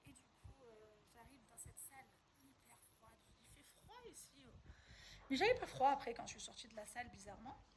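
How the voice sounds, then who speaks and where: A woman's voice: on the high side, expressive, a little fast. A woman telling a personal story in a casual, chatty way, quoting others and laughing as she goes. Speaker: vlogger. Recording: noisy background.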